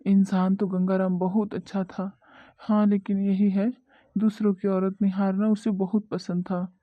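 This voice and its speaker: A woman's voice: mid-range voice, little pitch movement, unhurried, no echo, close to an everyday voice. A gossipy middle-aged village uncle, voiced by a woman, rambles on tactlessly in this cartoon. The audio is muffled and dry. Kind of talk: cartoon voice acting.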